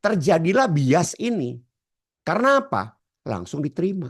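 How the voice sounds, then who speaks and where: A man's voice: on the high side, very animated, normal speed, slightly rough. A man teaching a hypnotherapy class, often addressing his listeners directly and asking rhetorical questions he then answers himself. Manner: addresses the audience often as ladies and gentlemen. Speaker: hypnotherapy trainer. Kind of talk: lecture to a class.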